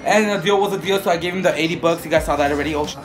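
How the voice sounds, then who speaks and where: A young man with a slightly high voice talks casually to his viewers. He swears freely and repeats his phrases, with music playing clearly behind him. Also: racing. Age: young adult. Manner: profane, repetitive. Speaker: challenge vlogger. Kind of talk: casual excited vlog chat. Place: small living room.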